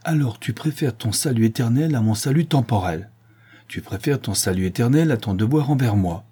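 A man reading the part of a commanding, ironic gentleman thief in an audiobook, grave and mocking. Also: fairly low pitch, unhurried, slightly rough. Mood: stern.

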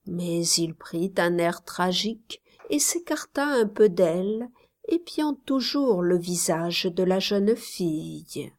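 Slow soft-spoken woman reading a story. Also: fairly low pitch, animated. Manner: soft, hushed, measured. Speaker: narrator. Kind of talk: scripted story narration.

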